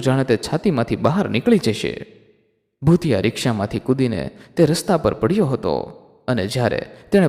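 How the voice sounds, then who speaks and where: A man hosting a storytelling channel, reading out viewers' comments and narrating a horror story in a dramatic, expressive way. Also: medium pitch. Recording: long hall reverb.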